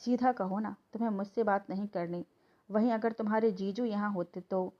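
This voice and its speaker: A man's voice: high voice, steady tone, moderate pace, lightly acted. A woman voicing a stubborn, hot-headed young husband who speaks curtly and confrontationally, in a slightly dull recording. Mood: angry. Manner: curt, confrontational.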